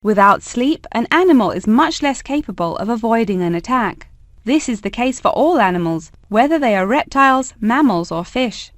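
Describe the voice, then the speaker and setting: Actress as female academic lecturer, composed formal read, slightly high pitch, no room echo. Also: animated, normal speed, close to an everyday voice. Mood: informative, composed. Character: female lecturer addressing students, informative and composed. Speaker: lecturer in a listening test.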